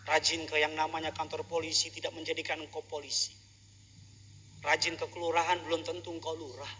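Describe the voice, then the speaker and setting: A male pastor delivering a humorous sermon, telling jokey stories and building up to loud preaching. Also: fairly high pitch, little pitch movement, brisk, slight background noise.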